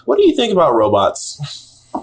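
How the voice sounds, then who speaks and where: A man's voice: on the high side, huge pitch swings, normal speed. A man co-hosting a comedy podcast in casual improvised banter.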